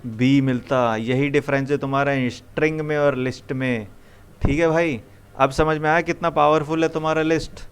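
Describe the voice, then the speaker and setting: A young man leads a live coding lesson in a classroom. His voice is smooth and clear and sits a little high. He keeps nudging students with repeated questions. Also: fairly even intonation, moderate pace. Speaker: programming teacher.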